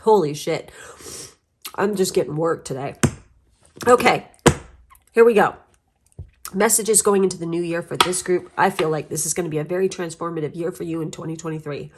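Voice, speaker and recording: A woman's voice: on the low side, normal speed, long pauses, background noise. A woman giving a casual, sweary tarot reading to viewers, talking with a cough drop in her mouth and struggling with a cough. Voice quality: husky. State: coughing, clearing throat. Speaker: tarot card reader.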